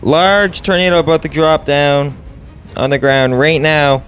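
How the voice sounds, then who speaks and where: A man's voice: a little high, fairly even intonation, a little slow, a bit bright, soft background music. A man giving casual play-by-play vlog commentary as a storm chaser, addressing his viewers directly and repeating short phrases. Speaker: storm chaser and video host.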